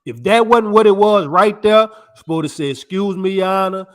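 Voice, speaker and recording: A man co-hosts a podcast, chatting casually in a relaxed, slangy way. His voice is high and animated, and he speaks at a moderate pace.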